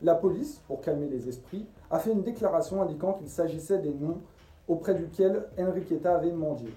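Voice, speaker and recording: Very dark mellow male voice, higher-pitched, scripted true-crime narration, storyteller host. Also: a little fast. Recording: roomy echo, distant from the mic.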